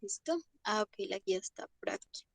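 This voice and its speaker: A young woman, teaching an English vocabulary class online. She goes slowly, says each word twice and checks in with the class. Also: mid-range voice, expressive, dry recording. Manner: slow, repeats each word and asks "¿listo?".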